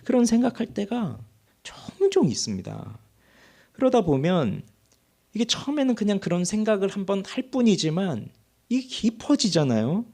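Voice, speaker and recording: A man's voice: high-pitched, sing-song, moderate pace, a little mellow. A man preaching a sermon as pastor at a Friday prayer meeting, emphatic, acting out quoted laments. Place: church.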